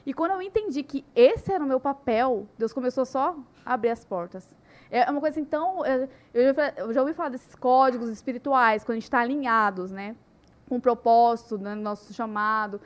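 A young woman telling her story in a casual podcast chat, animated and full of "né" tags. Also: a little high, a little fast. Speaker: podcast guest.

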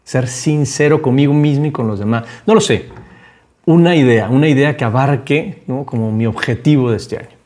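A man's voice: mid-range voice, brisk, a little mellow. A man, hosting a reflective talk and earnestly encouraging the listener. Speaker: podcast host.

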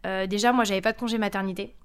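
A woman in her thirties speaks as a podcast guest, chatting in a lively way and pausing often with hesitations. Her voice is smooth and clear, pitched in a middle range for a woman. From France. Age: 30s. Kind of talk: casual interview storytelling.

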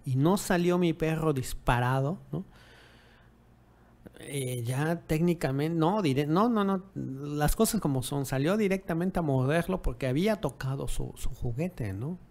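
A man with a highish, somewhat slow voice and a darkish tone gives casual advice on owning a dog. He often closes his points with rhetorical tag questions and acts out what people said to him.

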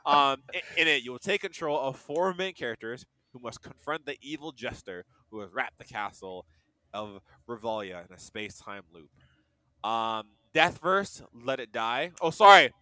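A man hosting a casual podcast in a bright, lively voice. He laughs easily and stumbles over words as he reads. The recording is close and dry. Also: mid-range voice, moderate pace, no room sound. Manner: laughing, stumbling over words while reading game listings. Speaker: podcast co-host.

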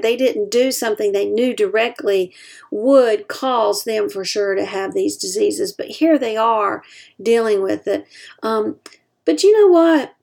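Earnest woman advising caregivers, gravelly. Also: mid-range voice, a little mellow. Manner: earnest, slows down to stress key points; acts out example quotes in other voices. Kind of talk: advice talk to caregivers.

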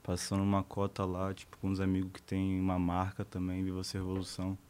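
A man's voice: sits low, completely flat delivery, fast, darkish tone, clean tone. A Brazilian man, a podcast guest, chatting casually in a laid-back, slangy way. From Brazil, born in Salvador, raised in Manaus. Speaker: guest, rapper.

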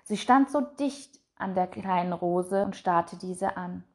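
Slow, soft-spoken woman reading a fairy tale. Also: fairly low pitch. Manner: slow, soft and measured, trailing off quietly. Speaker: narrator. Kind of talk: storybook reading.

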